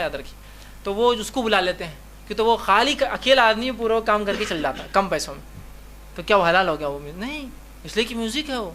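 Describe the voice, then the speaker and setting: A man's voice: high voice, bright, forceful tone, a little hiss or hum. A male Islamic lecturer teaching in a conversational way, asking rhetorical questions and repeating his reminders often. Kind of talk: religious lecture.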